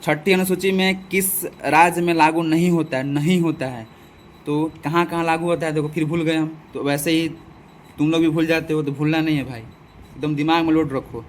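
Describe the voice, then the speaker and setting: A man's voice: on the high side, fairly even intonation, moderate pace, a little hiss or hum. A man from Bihar, teaching an exam-prep lesson in a casual, repetitive style, asking his viewers rhetorical questions. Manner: chatty, repeats lists, addresses viewers as bhai. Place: farm field outdoors.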